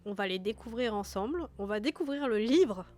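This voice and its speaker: A hoarse young woman with a put-on southern French accent, chatting casually and self-mockingly as game master of a live-streamed game, with music playing behind her. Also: mid-range voice, lively intonation, normal speed, darkish tone. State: hoarse, broken voice after illness. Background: background music.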